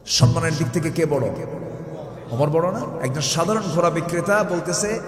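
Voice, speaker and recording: A man's voice: fairly high pitch, moderate pace. Fervent preacher man in echoing hall. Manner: fervent, rising to loud emphatic peaks. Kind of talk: sermon storytelling. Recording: echoey hall reverb.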